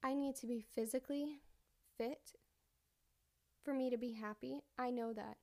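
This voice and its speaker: A woman's voice: on the high side, fairly even intonation, moderate pace, a little mellow. A young woman hosting a casual solo podcast, rambling and correcting herself, a bit out of breath. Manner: rambling, self-correcting, conversational. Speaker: podcast host.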